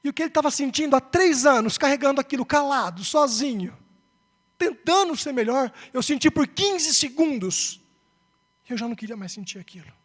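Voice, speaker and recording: A young Brazilian man giving an emotional spiritist talk. He moves between hushed confession and rising urgency. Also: very high-pitched, expressive, normal speed. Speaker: spiritist speaker. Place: lecture hall. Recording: long hall reverb, breathy voice.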